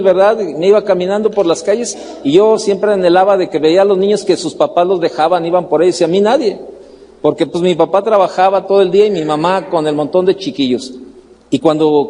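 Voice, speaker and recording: A man's voice: sits high, warm tone, big-room sound, a little hiss or hum. A man, a pastor preaching a sermon in a conversational way, telling personal stories and repeating phrases for emphasis.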